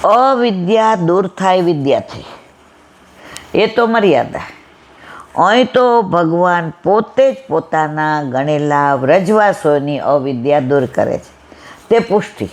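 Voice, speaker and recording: A woman's voice: lowish voice, animated, slow. A woman giving a devotional satsang talk, acting out family dialogue in a folksy storytelling style. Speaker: satsang speaker.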